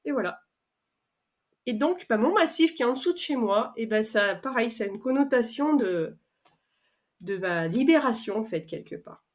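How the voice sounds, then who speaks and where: A middle-aged French woman telling her own story in a chatty, animated way, acting out conversations with many fillers. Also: fairly high pitch, normal speed. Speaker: customer testimonial speaker. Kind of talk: personal testimony, casual storytelling.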